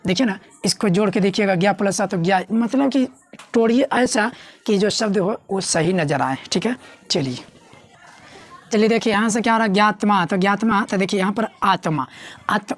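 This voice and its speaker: A young woman teaching grammar at a board, her voice at an ordinary middle pitch. She keeps quizzing her students and answering herself, and she stretches out words slowly to spell them syllable by syllable. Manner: repeats key words and asks the class questions.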